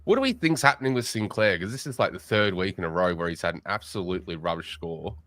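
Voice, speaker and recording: Aussie guy hosting a footy podcast, low voice, dry close mic, jokey and excitable. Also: fast, no echo. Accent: Australian. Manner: joking, banter-heavy, excitable. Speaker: podcast host. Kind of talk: casual late-night fantasy footy chat.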